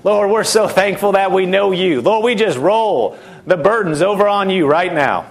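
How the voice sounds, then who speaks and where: A man's voice: high voice, moderate pace. A man preaching a sermon, fervent and repetitive, with frequent hallelujahs.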